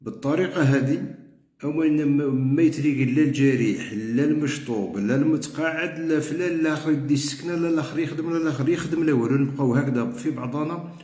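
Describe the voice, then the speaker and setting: A middle-aged veterans' group coordinator with an Algerian Arabic accent makes a heated, repetitive appeal to his members. His voice is fairly high and darkish, and he speaks quickly in a room with a roomy echo.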